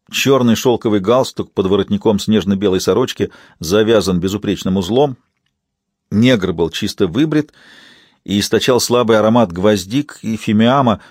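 Low-voiced man narrating an audiobook. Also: darkish tone, no room sound, studio quality. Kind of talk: scripted narration.

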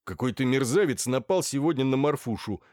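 A man's voice: mid-range voice, animated, fairly quick, a little mellow, no echo, studio quality, voice pushed up, close to an everyday voice. A man voicing an eager, obliging doorman in an audiobook. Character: eager servile male doorman.

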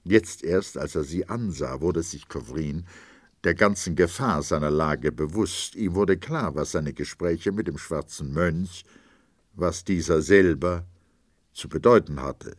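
A man narrating a literary story as an audiobook, reading expressively and dramatically, dropping to a hush at times. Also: deep voice, a little slow, no room sound, clean studio sound.

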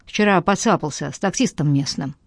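A drowsy, mumbling young man spinning lazy lies over the phone, as a woman reader puts him on. His voice sits low and dark for her, close and dry with no room sound. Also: brisk, dry recording. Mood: sleepy lying. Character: tired hungover young man, evasive liar.

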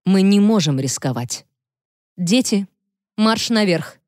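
A woman reading the lines of a serious male defense lawyer in an audiobook, firm and measured. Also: medium pitch, lively intonation, a little mellow, no echo, studio quality, pitched above the performer's own voice. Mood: grave.

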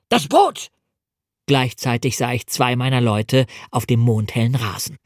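A man reading a novel aloud as an audiobook in a measured, dramatic first-person storytelling manner, in a studio. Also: fairly high pitch, no echo. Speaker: audiobook reader. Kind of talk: scripted audiobook narration.

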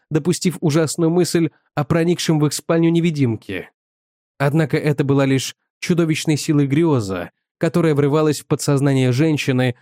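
A man reading a short story aloud as an audiobook narrator, in a measured, dramatic way. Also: mid-range voice, a little mellow, dry recording, clean studio sound. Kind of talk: scripted narration.

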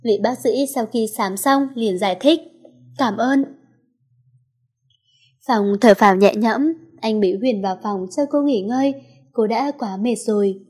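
A woman reading a serialized novel aloud in a plain, even storytelling voice. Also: a little high, normal speed, breathy edge.

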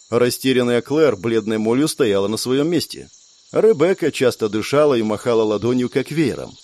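Brief: male audiobook narrator, expressive, lively intonation. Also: medium pitch. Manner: expressive storytelling.

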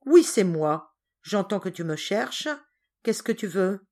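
A woman voicing a stern but fair father who speaks in a measured, grave, reproachful way. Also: medium pitch, animated, darkish tone.

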